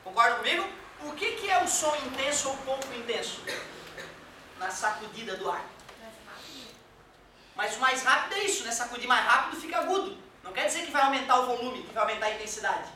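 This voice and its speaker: A man's voice: very high voice, expressive, fairly quick, bright, forceful tone, slight background noise. A man teaching a classroom lecture in a joking, colloquial way, dropping swear words and acting out quoted voices. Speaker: physics teacher. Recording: very echoey room, mic far off.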